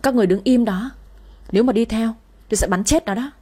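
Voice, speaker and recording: A woman voicing a menacing gangster man who threatens and shouts at his captives. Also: fairly high pitch, fast talker, slightly rough. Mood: threatening.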